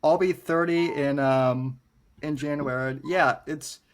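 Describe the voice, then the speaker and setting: Brief: unhurried podcast host, a man in his late twenties, hesitant and thoughtful delivery. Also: a little high, steady tone. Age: 20s. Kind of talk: casual podcast interview.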